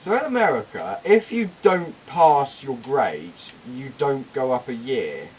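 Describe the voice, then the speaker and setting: Young male gamer, casual chatty commentary, animated delivery, faint hiss. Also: medium pitch, rough recording. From England. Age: young adult. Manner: chatty, reminiscing, quick asides. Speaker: gameplay commentator. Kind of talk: casual chat over gameplay.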